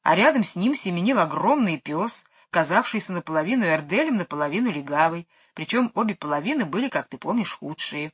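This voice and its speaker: A woman narrating a children's storybook in a lively, expressive way. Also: fairly low pitch, brisk, few pauses, breathy edge. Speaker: audiobook reader. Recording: dull lo-fi recording.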